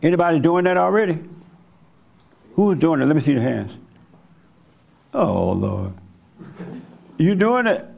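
Male group teacher with a gravelly, creaky voice; blunt, plain-spoken delivery. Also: fairly high pitch, sing-song, a little slow, pauses often, a little mellow, highs cut off, slight background noise. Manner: blunt, direct, colloquial. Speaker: spiritual teacher leading a group. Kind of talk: informal teaching with audience questions.

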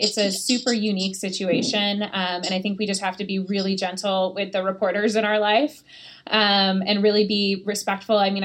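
A woman talks loosely on a podcast. Her voice sits at a middle pitch. She leans on "like" and "um" as she chats. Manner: chatty, lots of likes and fillers. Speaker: podcast co-host, PR agency. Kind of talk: casual podcast chat.

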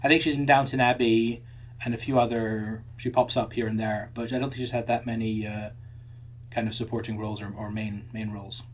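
A man's voice: fairly low pitch, steady tone, fairly quick. A man co-hosting a podcast in casual chat, thinking aloud with frequent restarts and repeated words. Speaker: podcast co-host.

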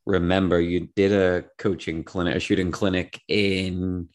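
Young podcast host, low voice, chatty and a bit hesitant. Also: male voice, level tone, a little slow. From Northern Ireland. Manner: chatty, self-deprecating, hesitant starts. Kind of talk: casual interview questions.

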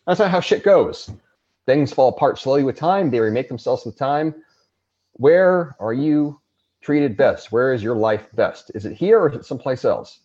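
A man rants with hard emphasis and steady swearing through a guest spot on a casual podcast. His voice sits at an ordinary middle pitch. The recording is dull and lo-fi. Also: normal speed. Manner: profane, emphatic ranting. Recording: dull lo-fi sound.

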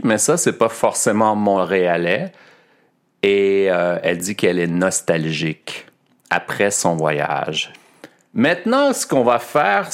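A man with a fairly low voice hosts a French lesson podcast, speaking very slowly and patiently. He explains each point calmly and repeats words aloud so their sounds come through. His tone stays steady and teacherly.

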